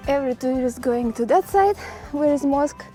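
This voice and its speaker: A woman's voice: sits high, expressive, normal speed, music in the background. A woman with a Russian accent talking casually as a travel vlogger. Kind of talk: casual vlog chat.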